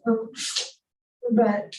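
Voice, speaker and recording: A woman explaining her family's request at a city council meeting, halting and repeating words as she talks. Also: narrow, tinny audio. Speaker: resident making a request. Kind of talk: public comment at a council meeting. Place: council chamber. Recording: roomy and far from the mic.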